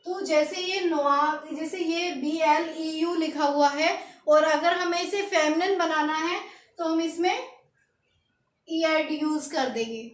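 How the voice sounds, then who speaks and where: A woman's voice: high-pitched, slow. A woman teaching beginners, spelling words letter by letter and asking learners to repeat after her. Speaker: French teacher. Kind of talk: lesson for beginners. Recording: echoey room.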